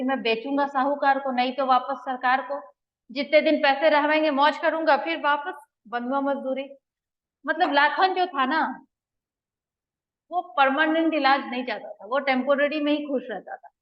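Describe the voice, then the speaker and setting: Woman retelling a play, bright high voice. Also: steady tone, normal speed, muffled recording. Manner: mixes quoted dialogue with plain explanation. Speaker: teacher explaining a play. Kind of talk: retelling and explaining a drama scene.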